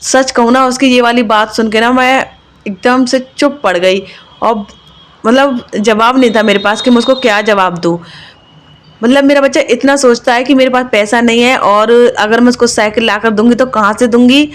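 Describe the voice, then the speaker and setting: A woman's voice: on the high side, normal speed. A woman and mother narrating her own home vlog in a chatty, confiding voice-over, with lots of fillers. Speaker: vlogger, mother.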